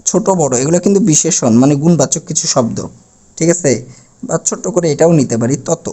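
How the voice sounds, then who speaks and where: A man's voice: on the high side, animated, a little fast, mellow, breathy edge. A male teacher from Bangladesh giving a grammar lesson at a board, asking questions and answering them himself. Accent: Bangladeshi Bengali. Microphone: camera he adjusts himself.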